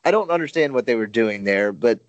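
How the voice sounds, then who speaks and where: A man's voice: medium pitch, lively intonation, fairly quick, clear, resonant tone, no echo. A man chatting casually as a podcast co-host, rambling with many fillers and self-corrections. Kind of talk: casual baseball chat.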